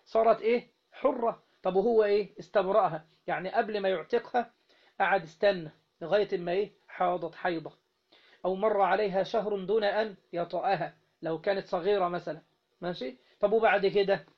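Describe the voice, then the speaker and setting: Heard through a dull lo-fi recording, a brisk man with a high voice and an Egyptian Arabic accent leads a classroom session on Islamic jurisprudence. He reads a text aloud, explains it, and keeps asking his students questions so they fill in words.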